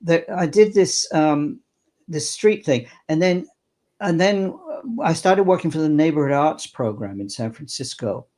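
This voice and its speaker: A man's voice: fairly high pitch, a little mellow. An older man, a clown performer, reminiscing in an interview in a rambling way, with many halts and restarts.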